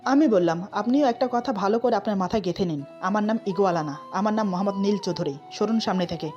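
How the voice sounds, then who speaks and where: Bengali-accent lady reading a love story, does all the parts herself, a bit muffled sound, soft music under it. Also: mid-range voice, fast talker. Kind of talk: scripted narration of a romantic story, voicing all characters. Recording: slightly dull recording with faint music.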